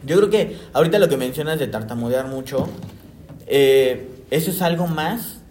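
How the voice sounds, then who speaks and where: A man hosts a casual talk, his voice a little high for a man. He speaks in a relaxed, slangy, conversational way. Faint background noise sits under the recording. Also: normal speed. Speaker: host.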